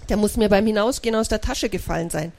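A woman reading a brisk, kind schoolteacher. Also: medium pitch, creaky, darkish tone. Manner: brisk and caring.

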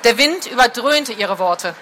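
A woman reading a novel aloud with expressive, dramatic narration. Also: fairly high pitch, measured pace, a little hiss or hum. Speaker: reader.

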